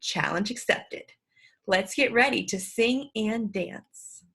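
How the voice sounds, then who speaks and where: A woman's voice: mid-range voice, takes it slowly, creaky, a bit bright, breathy edge. A woman teacher talking through a home-learning lesson video in an upbeat, playful, encouraging way.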